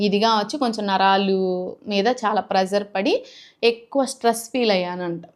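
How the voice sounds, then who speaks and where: Middle-aged woman, high voice, cooking-channel vlogger, indignant and outspoken. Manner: indignant, rising to sharp outbursts. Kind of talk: emotional talk to camera.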